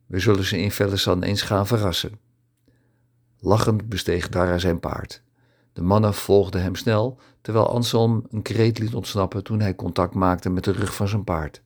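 A man reading a story aloud as an audiobook narrator, steady and measured. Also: sits low. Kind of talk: scripted narration.

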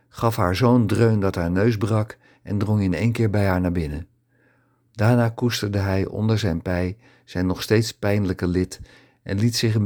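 Male audiobook narrator, deep and low, steady measured scripted reading.

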